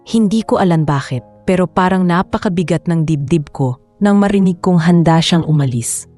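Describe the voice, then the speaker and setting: A woman narrating a first-person love story in a calm, reflective, scripted way. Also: fairly low pitch, moderate pace, soft background music.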